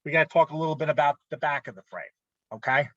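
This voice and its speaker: A man presenting rules to an art club in a casual instructional talk, often pausing to ask "okay?". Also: fairly high pitch, sharp tone, no room sound, highs cut off. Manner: conversational, frequent "okay?" check-ins.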